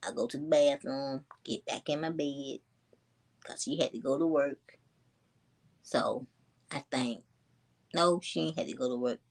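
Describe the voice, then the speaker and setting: A woman, casually telling a story to her viewers in a chatty, animated way. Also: a bass voice. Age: 20s. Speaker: vlogger.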